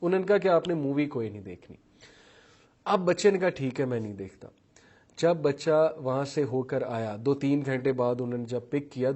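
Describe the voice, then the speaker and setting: A man's voice: medium pitch, dark tone. A man giving a talk on parenting styles, listing traits one by one and mixing English terms into his speech, acting out what parents and children say in his examples. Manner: acts out parents' and children's words while telling examples. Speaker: parenting lecturer.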